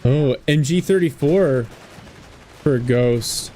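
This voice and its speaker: A man casting a strategy game in a relaxed, chatty way, laughing often and slipping into jokey voices. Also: mid-range voice, slow pace. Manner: laughs often, drops into a mock German voice. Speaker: game caster. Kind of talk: casual game commentary.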